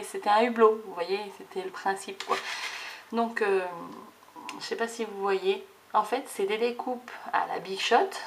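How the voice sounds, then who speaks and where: A woman in casual show-and-tell, chatty and hesitant, trailing into fillers as she handles paper. Her pitch sits in the middle. Faint noise and small clicks sit behind her voice. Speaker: scrapbooking vlogger.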